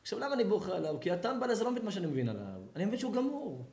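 Animated high-voiced rabbi in an echoey hall. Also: male voice, creaky. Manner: animated, dramatic, acts out scenes. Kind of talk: sermon to a live audience. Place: lecture hall or synagogue.

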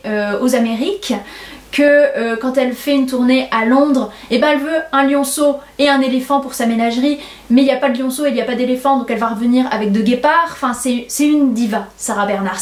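A young woman hosting a book-club podcast, talking with lively enthusiasm about her reading and reading passages aloud. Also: high voice. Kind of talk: casual book-review talk and reading aloud. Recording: roomy echo.

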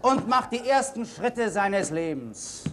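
A man narrating a comic sketch in a measured, dramatic storytelling manner. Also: high voice, very animated. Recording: 1970s TV studio, audience, hiss. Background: studio audience.

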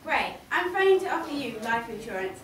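A woman playing a pushy female telemarketer in a comic skit, insistent in her pitch. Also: big pitch swings, a little fast, fairly bright tone. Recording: echoey hall, mic far off, audience.

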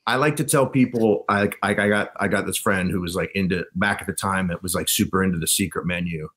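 A man's voice: sits low, quick pace, a bit bright. A man, a band frontman, chatting as a podcast guest and telling stories loosely, with lots of fillers and restarts. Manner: loose, rambling storyteller with many fillers. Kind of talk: casual podcast chat.

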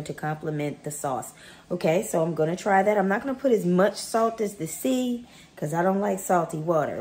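A middle-aged woman vlogs from her home kitchen, chatting casually to a camera sitting on the counter and reading recipe steps aloud in a relaxed cook-along. Her voice is fairly low and warm, the room gives a roomy echo, and there is slight background noise.

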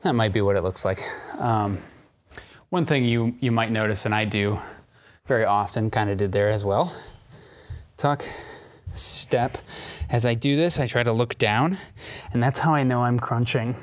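A man's voice: mid-range voice, normal speed, long pauses. A young man, a fitness coach, talks casually as he demonstrates a crawling exercise in a carpeted living room, recorded by a camera a few meters off.

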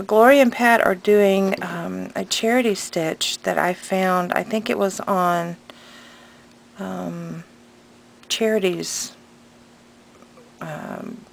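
A medium-pitched woman, a craft vlogger and pattern seller, rambles through a casual, unscripted show-and-tell with hesitant enthusiasm. Her articulation is a little impeded by a tongue piercing. She's at a craft table indoors at home, in a recording with clearly audible noise.

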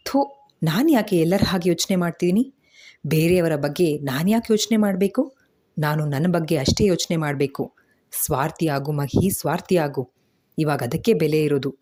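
A woman's voice: low-pitched, animated, normal speed. Mahi, a woman voicing a tearful young bride. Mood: bitter. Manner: quiet, bitter inner monologue.

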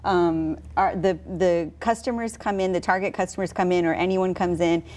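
A woman's voice: fairly low pitch, steady tone, normal speed, a little mellow. A woman in her thirties, a hospice representative chatting as a guest in a TV studio, with many fillers. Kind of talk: TV studio interview. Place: local TV news studio, on a couch. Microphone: lapel mic.

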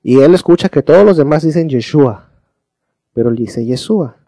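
A man's voice: fairly high pitch, lively intonation, fast talker, dark tone, no room sound. A man, a pastor teaching a sermon, explaining patiently and often checking in with his listeners.

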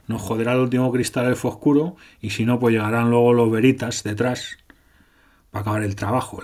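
A man's voice: medium pitch, a little mellow. A man from doing casual, sarcastic gameplay commentary, swearing freely as he retells the story.

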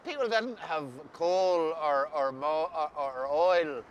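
A mature man with an Ulster Scots accent puts questions in a relaxed chat. His voice sits a little high and he halts and repeats words. Light outdoor noise sits behind him. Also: takes it slowly, muffled recording. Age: middle-aged or older. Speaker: interviewer. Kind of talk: casual interview chat. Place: outdoors on a grassy coastal path by the sea. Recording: faint outdoor ambient noise.

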